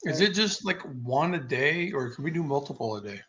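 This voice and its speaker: A man's voice: fairly high pitch, expressive, brisk, crowd noise, poor audio. A man who is a guest on a casual livestream chat, speaking earnestly in loose, run-on sentences.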